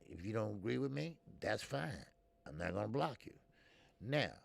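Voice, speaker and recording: Gravelly fifties man talking boxing. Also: on the low side. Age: 50s. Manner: talkative, blunt, reacting to chat comments. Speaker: boxing show host. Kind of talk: casual live-stream commentary.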